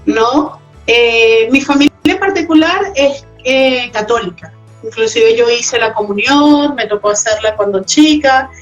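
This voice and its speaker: A woman's voice: a little high, measured pace, soft background music, low-quality recording. A Venezuelan woman with a Venezuelan accent, a guest talking reflectively in a casual interview chat. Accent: Venezuelan Spanish. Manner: reflective, often adds tag questions.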